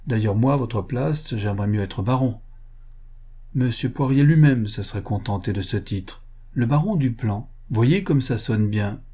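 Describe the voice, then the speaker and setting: A man reading the part of a sharp-tongued old gossip with a mocking, arch manner. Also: medium pitch, expressive, measured pace, slightly rough.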